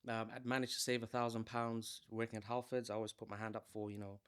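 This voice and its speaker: A man's voice: on the low side, level tone, quick pace, fairly bright tone, clear, resonant tone. A man in his thirties from Malawi, talking through his career as a salesman in an easygoing, conversational interview. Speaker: guest, salesman. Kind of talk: casual interview storytelling.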